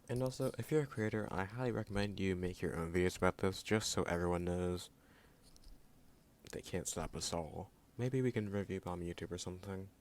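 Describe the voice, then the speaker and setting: A low-voiced male YouTube creator gives a sarcastic, blunt rant, heavy on the word "like." Slight background noise is audible, and his voice sometimes goes jittery.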